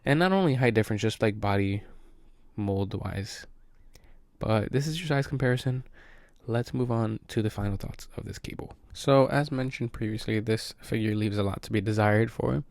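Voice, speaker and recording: A man's voice: on the low side, moderate pace, vocal fry, a little mellow, no room sound, clean studio sound. A man casually reviewing an action figure, sounding congested and breathing heavily from allergies, in a laid-back way with many fillers.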